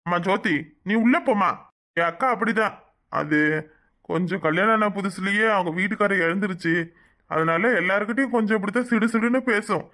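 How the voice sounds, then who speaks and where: A high-voiced performer playing a stern middle-aged man who firmly lectures his family in a TV-serial-style dub. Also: brisk, sharp tone. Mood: calming. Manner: firm, lecturing. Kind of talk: Tamil TV-serial dialogue dubbing.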